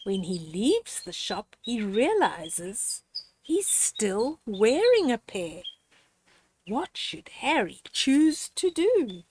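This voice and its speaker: Reading a children's tale to a young listener, an older woman addresses the child directly in a gently teaching, expressive manner, pausing deliberately. Her pitch sits on the high side, with a faint hiss or hum in the recording.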